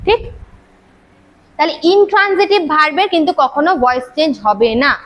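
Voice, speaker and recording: A woman teacher, lecturing a classroom on grammar. She keeps quizzing her students with rhetorical questions and scolds them briskly. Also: sits high, expressive, rough recording.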